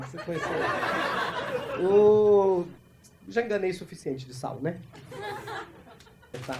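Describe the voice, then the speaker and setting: A man from Brazil doing improvised stand-up crowd work, talking fast and teasing the audience on a club stage. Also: high voice. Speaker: stand-up comedian. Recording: live club recording with audible crowd noise.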